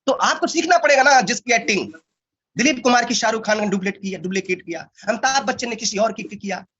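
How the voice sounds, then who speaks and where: A man with a high voice and a bright, forceful tone delivers an emphatic motivational training talk to his sales team. He hammers single words over and over and throws out rhetorical questions. The recording sounds dull and lo-fi. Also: lively intonation, quick pace, breathy edge. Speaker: network marketing team trainer.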